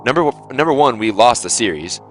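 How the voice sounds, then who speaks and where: A man's voice: mid-range voice, animated, brisk, faint music behind. A young man giving his gaming team a blunt, lecturing talk on their attitude, swearing freely. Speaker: team captain.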